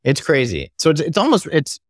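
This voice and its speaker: A man's voice: a little high, huge pitch swings, fairly quick, no room sound, studio quality. A man with an American accent talking casually as a podcast guest, rambling with lots of fillers and restarts. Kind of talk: casual conversation.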